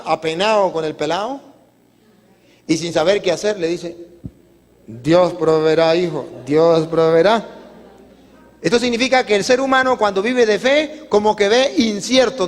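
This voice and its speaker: A man's voice: high-pitched, brisk. A man giving a parish catechesis talk, telling the story with acted-out voices. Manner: animated storytelling, acting out voices. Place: parish retreat hall. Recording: reverberant hall.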